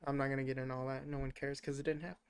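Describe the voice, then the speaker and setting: Recapping a movie, a podcast co-host talks in a loose, joking, profane way, full of "uh" and "like". His medium-pitched voice stays level and rapid-fire, with music playing in the background.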